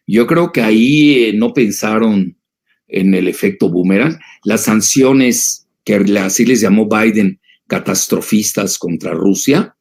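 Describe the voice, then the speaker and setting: An older man answers audience questions in a rambling, emphatic lecture, full of filler sounds. His voice sits low and gravelly, with a husky edge. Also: darkish tone. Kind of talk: lecture-style talk.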